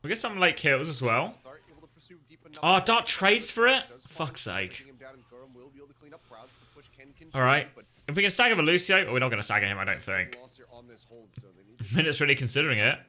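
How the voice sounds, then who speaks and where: A male streamer with a very bright, sharp voice and a lively, swooping delivery. He chats casually with viewers and reacts to the match with wry, sweary excitement. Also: medium pitch, fast, pauses often. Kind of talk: casual live reaction commentary, chatting with viewers.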